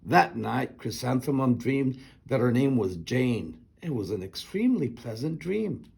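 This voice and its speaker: A man reading a children's picture book aloud in an expressive narrating style. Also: medium pitch, a little slow, gravelly, husky. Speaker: storybook reader.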